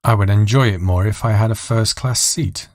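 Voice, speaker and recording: A man's voice: lowish voice, moderate pace, dry recording, clean studio sound, natural voice. A man voicing a prim, fussy British woman passenger who complains bitterly in an audio story.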